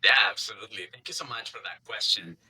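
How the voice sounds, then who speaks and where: A man in his thirties, originally from Chile and a native Spanish speaker, talks through an interview with frequent "um"s and restarts. His voice sits low but carries a bright, forceful edge. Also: fast talker, breathy edge. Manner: hesitant, many fillers and restarts. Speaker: guest, community founder. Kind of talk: conversational interview.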